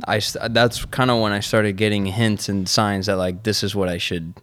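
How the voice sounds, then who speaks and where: A man who grew up in Argentina talks about his life as a musician in a relaxed, laughing way. His voice sits fairly low and comes across smooth and resonant. The sound is dry, with little room around it. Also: moderate pace, dry recording. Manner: easygoing, laughs often, storytelling. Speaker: musician guest. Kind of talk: casual interview conversation.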